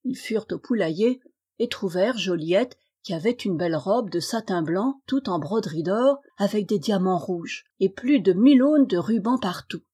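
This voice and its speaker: A woman reading a classic fairy tale aloud in an expressive, measured way. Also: mid-range voice, breathy edge. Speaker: storyteller.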